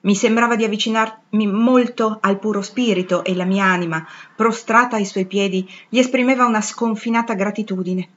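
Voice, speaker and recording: A woman narrating a literary audiobook in an expressive, dramatic reading. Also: mid-range voice, lo-fi sound. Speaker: audiobook reader.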